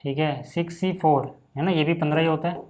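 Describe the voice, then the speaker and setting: Casual Hindi-speaking maths teacher. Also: male voice, on the high side, fairly even intonation, fairly quick, a little mellow. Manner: casual, repeats "ठीक है" and "भाई" often. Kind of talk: screen-recorded maths lesson.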